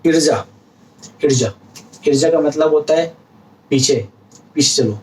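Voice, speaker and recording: A man's voice: a little high, normal speed, recorded from a distance, slight background noise, rough recording. Man teaching patiently, a little off-mic. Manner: explains patiently with repetition and examples. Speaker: language teacher vlogger. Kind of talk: casual spoken lesson.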